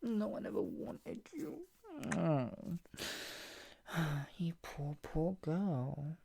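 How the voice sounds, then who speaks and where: In an improvised ASMR roleplay, a woman plays a menacing, obsessive yandere captor, her deep, husky voice extremely slow, dark and sing-song. Heavily acted, she taunts, swings between mock pity and threat, and often slips into a breathy whisper.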